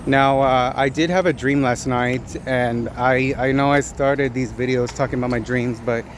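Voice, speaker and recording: A man giving a casual, halting monologue to viewers, repeating himself and using loose slang as he walks outside. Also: mid-range voice, fairly even intonation. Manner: informal slang with some swearing. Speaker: video diarist. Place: outdoors, walking along a street. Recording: noisy outdoor street with passing cars.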